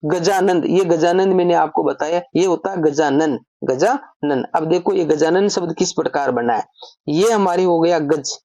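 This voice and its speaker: A woman's voice: deep voice, normal speed, few pauses, warm tone, no room sound. A woman teaching an online grammar lesson, explaining step by step and asking and answering her own questions.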